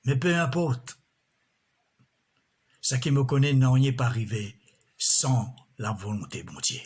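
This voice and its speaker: A man preaching a sermon in a slow, measured way, often breaking in with alleluias. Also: mid-range voice, a little mellow, breathy edge.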